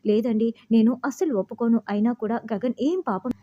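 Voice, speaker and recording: A woman's voice: a little high, a little fast, mellow, no echo, lightly acted. A woman reading the lines of a grieving mother, voiced in a plain, tearful reading tone. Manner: pleading, tearful lines read aloud. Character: grieving mother clinging to her dead son. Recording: dull lo-fi audio.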